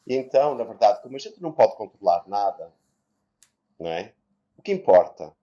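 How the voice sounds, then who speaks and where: A man's voice: lowish voice, big pitch swings, fairly quick, warm tone. A man, co-hosting a podcast and explaining ideas reflectively. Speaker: podcast co-host. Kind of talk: casual chat, explaining. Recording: slightly muffled lo-fi sound.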